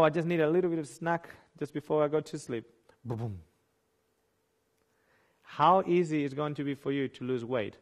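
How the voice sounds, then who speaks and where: A man with a Spanish-speaking accent and a fairly high voice gives a nutrition seminar. He stays animated the whole time, quizzes the audience, acts out what people say, and often slips on a word and starts it again. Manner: slips and restarts words. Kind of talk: seminar lecture.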